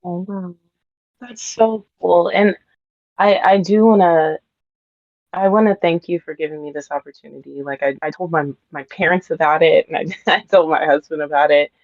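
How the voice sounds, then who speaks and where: A woman's voice: on the low side, steady tone, normal speed, no echo, muffled recording. A woman voice actress being interviewed, chatting casually, sounding nervous and giggly with lots of fillers. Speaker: voice actress guest.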